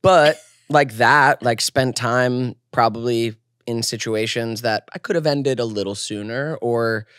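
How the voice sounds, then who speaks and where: A man's voice: medium pitch, measured pace, few pauses, fairly bright tone, clean tone, no room sound, clean studio sound. A man in his thirties hosting a podcast, talking in a reflective, loose way with restarts. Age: 30s. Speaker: podcast host. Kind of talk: casual conversation.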